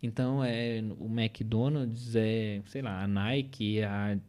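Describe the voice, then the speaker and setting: A young adult man on a podcast panel, with a Brazilian Portuguese accent, delivers opinionated, emphatic takes in casual conversation, sprinkling in many "né?" and "entendeu?" tags. His voice is on the low side, steady, smooth and darkish, and he speaks slowly.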